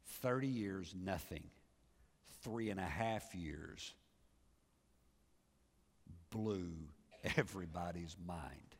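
Pastor preaching in a reverberant hall. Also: male voice, extremely slow, pauses often. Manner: preaching with big swings between loud calls and low, quiet closes. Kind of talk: sermon. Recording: church sermon with long reverb.

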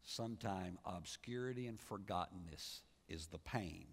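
A pastor preaching a sermon, swinging from loud rising calls to low, quiet endings. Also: male voice, measured pace, breathy edge. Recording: church sermon with long reverb.

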